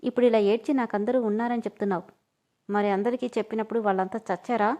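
A woman reading the part of a gruff, bossy young man in a storybook, with sharp, commanding lines. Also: fairly high pitch, fairly even intonation, fast talker, lightly acted. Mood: stern.

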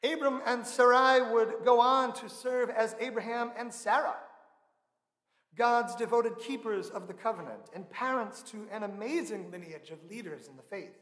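A pastor in his thirties delivers a sermon at the pulpit, his voice sitting noticeably high for a man. He speaks in a measured, earnest way, slowing down to stress key words. The sound rings through a large sanctuary with a long, roomy reverb. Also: a bit bright. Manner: measured, earnest preaching with slow emphatic stresses. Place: large church sanctuary, indoors. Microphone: pulpit microphone. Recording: echoey church with long reverb.

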